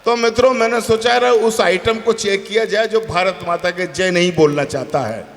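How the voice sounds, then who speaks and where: Fiery high-voiced man declaiming poetry on stage. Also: moderate pace. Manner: fiery, shouted declamation with emphatic repeated lines. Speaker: poet. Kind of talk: declaiming patriotic poetry at a live poetry gathering. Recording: long hall-like reverb from live PA.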